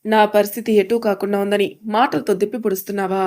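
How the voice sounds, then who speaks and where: A woman's voice: medium pitch, steady tone, fast talker, a little mellow, natural voice. A woman voicing an angry, bitter young man who snaps resentfully. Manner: snapping, resentful.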